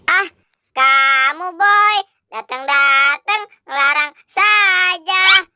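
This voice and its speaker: A performer doing Upin, a stubborn little cartoon boy with a bright, squeaky, very high voice. He drags out his words slowly and whines at every turn. The voice sits over loud background music. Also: no echo, studio quality, heavily acted. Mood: whiny. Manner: slow, whiny, sulky.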